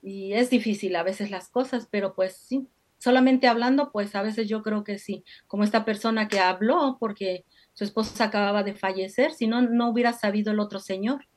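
A woman, a guest and mother, telling family stories in a relaxed chat with many fillers and frequent laughs. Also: medium pitch, moderate pace. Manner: chatty storyteller, many fillers, laughs often. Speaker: guest entrepreneur. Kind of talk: casual conversation over a call.

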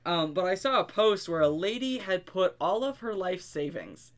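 A man co-hosting a podcast in casual chat, chatty and giggly, telling stories with animated quoted reactions. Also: sits high, normal speed. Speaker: podcast co-host.

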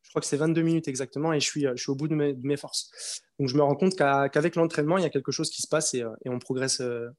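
A young man in his twenties speaks as an interview guest, his voice sitting a little high for a man. He talks casually and haltingly, stopping to restart his sentences and filling gaps with hesitations. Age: 20s. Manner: hesitant, many restarts and fillers.

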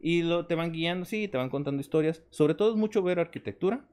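A man with a Mexican Spanish accent chats on a casual podcast. He tells his stories in an animated, slangy way. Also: a little high, quick pace, smooth. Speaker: podcast co-host. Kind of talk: casual chat.

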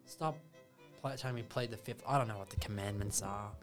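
A man's voice: lowish voice, a little fast, soft background music, close to an everyday voice. A man playing a rambling ex-plumber who wants to join the clergy, in improvised comedy. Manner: rambling, hesitant, full of ums. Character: blokey Australian ex-plumber priest candidate. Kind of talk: improvised comedy role-play.

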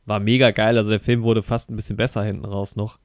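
A man's voice: on the low side, flat delivery, quick pace, no room sound, clean studio sound. A man chatting casually while reviewing a film on a podcast, rambling with many fillers and restarts and enthusiastic slang.

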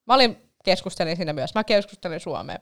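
A woman's voice: lowish voice, animated, creaky, a bit bright. A young woman telling a long story in a casual chat, rambling with lots of fillers and the odd swear.

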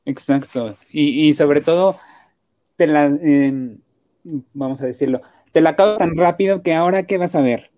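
A woman's voice: low-pitched, normal speed, mellow, no room sound. A woman interviewing a guest for a magazine, asking questions in a friendly, affirming way. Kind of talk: casual interview.

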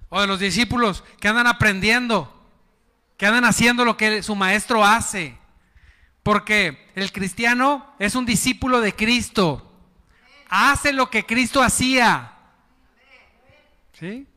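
A man preaches to his congregation with a high, bright voice and an unhurried pace, firing questions at them and leading call-and-response. His voice carries a long reverb from the hall. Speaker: pastor. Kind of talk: sermon.

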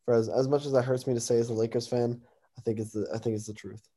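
Young man, American accent, relaxed dark timbre, casual sports chat, co-host. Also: mid-range voice, quick pace.

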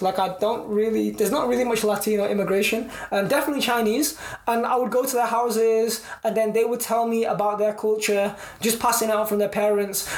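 Young man, roomy echo. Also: high voice. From Manchester, England. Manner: reflective and chatty, with frequent restarts. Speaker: podcast guest. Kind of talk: casual interview. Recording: echoey room.

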